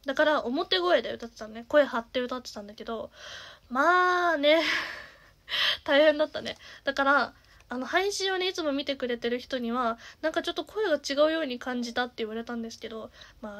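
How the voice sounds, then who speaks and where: A young woman in her twenties with a naturally nasal voice, chatting casually as a singer and streamer, with lots of fillers and the odd soft half-whisper. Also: high-pitched. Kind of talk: casual chat.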